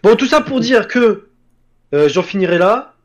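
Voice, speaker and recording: A man with a slightly high voice trading football banter with friends. He swears freely and taunts rival fans in a mocking, crude way. His talk is loose and offhand. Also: expressive, moderate pace, dull audio. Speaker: co-host of a football show.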